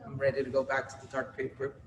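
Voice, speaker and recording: A woman's voice: very deep voice, completely flat delivery, quick pace, noisy background. A woman from New York, an exhibiting artist, talking loosely about her work, with a lot of filler words. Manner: loose, rambling, heavy with fillers. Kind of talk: casual gallery talk. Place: art gallery, indoors. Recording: echoey hall from far off.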